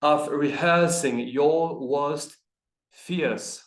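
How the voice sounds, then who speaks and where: Slow, careful man in an echoey room. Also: on the high side. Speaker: pronunciation student. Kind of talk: repeating phrases in a lesson.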